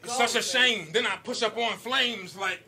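Here a man with a very high-pitched voice raps at a normal speed, punchy and rhythmic, sometimes chuckling between bars. He's a battle rapper in an indoor basement venue, caught on a loud live recording amid a cheering, shouting crowd.

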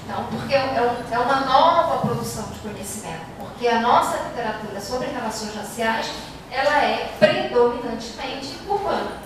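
A woman in the audience giving a measured, formal comment into a handheld mic in a large lecture hall. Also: fairly high pitch, expressive. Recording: echoey hall, distant noisy mic.

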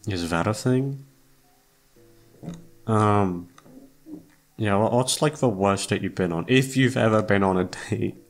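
A young adult YouTube voice actor and channel host with a fairly low voice talks slowly to his audience, pausing often, with music behind him. His casual rambling is hesitant and self-deprecating, he doubles back, trails off and swears plenty.

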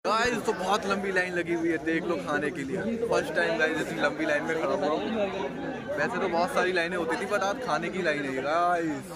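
A man's voice: on the high side, brisk, a loud crowd. Young man vlogging on his phone. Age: young adult. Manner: chatty, keeps asking "theek hai?" to viewers. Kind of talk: casual selfie vlog narration. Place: indoors at home and outdoors at a college camp. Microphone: phone held at arm's length.

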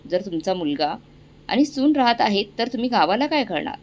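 A woman voicing a caring daughter-in-law who gently persuades her in-laws. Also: medium pitch, big pitch swings, fairly quick, lightly acted. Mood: warm.

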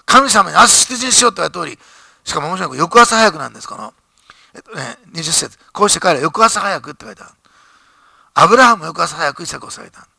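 A man's voice: high-pitched, creaky, pushed and bright, no echo. A male pastor giving a sermon, reading scripture aloud and building to fervent, emphatic preaching in a church.

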